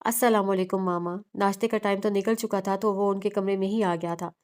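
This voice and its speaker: A woman's voice: mid-range voice, steady tone, a little fast, a little mellow, clear, resonant tone. A woman narrating a romance novel aloud, reading every character herself with small slips and restarts. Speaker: novel reader.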